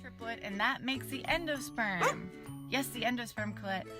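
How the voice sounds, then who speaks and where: Bright, curious young woman hosting science. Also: a little high, lively intonation, moderate pace, music in the background. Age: young adult. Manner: bright, curious, enthusiastic, chatty. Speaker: science show host. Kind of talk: casual educational science presenting to camera. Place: outdoors in a backyard.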